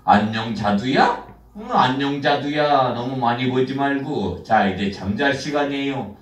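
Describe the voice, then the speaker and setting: Older man doing gentle firm father, soft coaxing, roomy, far mic. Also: mid-range voice, expressive, measured pace, natural voice. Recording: roomy sound from a far camera.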